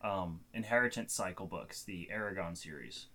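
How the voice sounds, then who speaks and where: Bright-voiced young podcast co-host. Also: male voice, low voice, normal speed. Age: 20s. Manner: rambling, restarts sentences, laughs often. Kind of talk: casual chat among friends.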